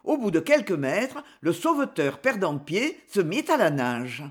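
A narrator reading a classic children's story aloud with expressive storytelling. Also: mid-range voice, measured pace, husky.

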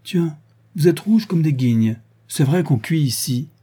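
A man voicing an eager little boy who chatters with excitement in a read-aloud novel. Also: a little high, measured pace, husky, voice pushed up.

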